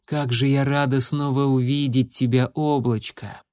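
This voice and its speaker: A man voicing a gentle, chatty female house cat who fusses over her kitten in a storybook reading. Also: mid-range voice, level tone, unhurried, no room sound, clean studio sound, close to an everyday voice. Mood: doting. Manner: fussing, purring, breathless questions.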